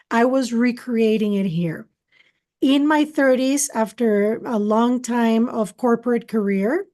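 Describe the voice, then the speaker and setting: Answering interview questions, this spiritual channeler from Costa Rica shares her personal story with earnest sincerity. She's middle-aged, a native Spanish speaker, and her voice is slightly high with a touch of mellowness.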